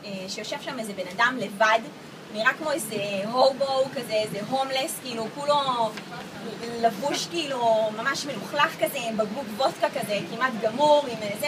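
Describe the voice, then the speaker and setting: A woman telling a story to a gathering in a casual, animated way, acting out what people said. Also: high voice, noisy background. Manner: lively, acts out quoted voices with laughter. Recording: distant mic with loud crowd chatter. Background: crowd of people talking.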